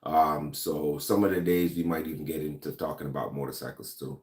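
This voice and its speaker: With a rumbling low, steady voice that is brisk and a little mellow, a Jamaican-accented man runs a casual livestream about guns. He greets viewers by name, saying "um" a lot. A laptop or camera mic captures him, giving a roomy sound.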